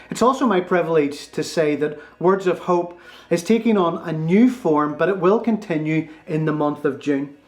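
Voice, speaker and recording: Higher-voiced man reading church announcements. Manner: friendly, informative announcer delivery. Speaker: church presenter. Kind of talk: announcements and sign-off. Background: soft music.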